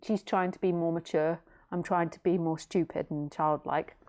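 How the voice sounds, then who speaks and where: In a lowish, slightly mellow voice with a steady tone and normal pace, a woman in her late thirties talks philosophy informally. She's a spiritual teacher whose easygoing, meandering style is sprinkled with jokes.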